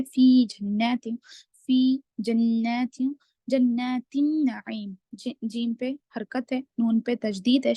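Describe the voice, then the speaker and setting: A woman teaching Quran recitation rules in a class, slow and deliberate, drawing out the recited words and then explaining each rule. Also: a little high, gravelly, dark tone, no echo. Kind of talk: online tajweed class.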